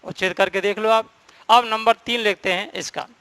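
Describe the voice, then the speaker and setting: A man teaching a grammar class in a high, clear and crisp voice. He explains each rule step by step and stresses the key points, recorded close and dry with no room echo. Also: fairly even intonation, normal speed, sharp tone. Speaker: Hindi teacher.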